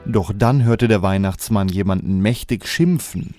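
Low mellow male storyteller. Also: unhurried, faint music behind. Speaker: narrator. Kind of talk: fairy-tale narration.

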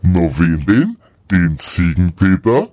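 A man's voice: low-pitched, sing-song, slow, darkish tone, a little hiss or hum, full character voice. A man voicing a jovial, beer-loving Father Christmas, hearty and folksy.

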